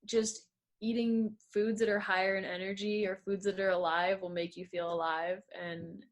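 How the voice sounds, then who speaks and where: A woman's voice: medium pitch, level tone, normal speed. A young woman in her twenties, a fitness coach, chatting casually as a podcast guest with many "like" fillers. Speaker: guest, fitness coach and former pro skier. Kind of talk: casual interview chat.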